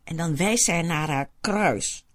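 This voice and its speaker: A woman's voice: sits low, lively intonation, slow. A woman telling a first-person story in a chatty, homely way.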